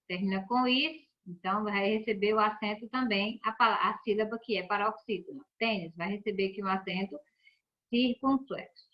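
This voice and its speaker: A woman teacher giving a recorded remote lesson, explaining patiently and checking in with her students often. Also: fairly high pitch. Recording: dull lo-fi sound.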